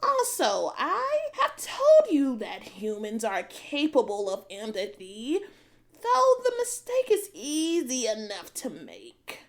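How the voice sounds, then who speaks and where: A woman voicing an old witch who speaks softly, slowly and patiently. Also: on the high side, huge pitch swings, exaggerated voice. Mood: gentle, weary. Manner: soft-spoken, slow, lilting.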